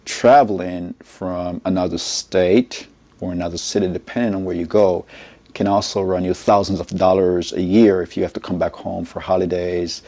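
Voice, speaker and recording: Deep, gravelly man. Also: dark tone. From Jamaica. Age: middle-aged. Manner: measured, explanatory, often checks in with "right?". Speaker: college educator. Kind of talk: informational advice talk to camera.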